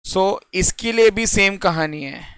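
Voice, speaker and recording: A man's voice: high voice, a little slow, fairly bright tone, clean tone, no room sound, studio quality. A young man teaching a puzzle lesson in Hindi mixed with English in an Indian accent, explaining step by step and often asking if students follow. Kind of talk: classroom lecture on reasoning puzzles.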